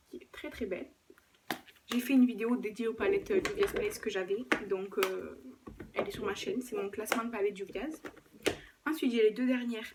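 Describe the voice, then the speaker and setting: A woman with a slightly high voice chats her way through a makeup palette collection at home, filmed on a camera set up on a tripod. She hesitates often and corrects herself as she goes. A steady hiss sits under the recording. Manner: chatty, lots of hesitations and self-corrections. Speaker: beauty vlogger. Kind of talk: casual makeup collection review. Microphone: camera mic on a tripod.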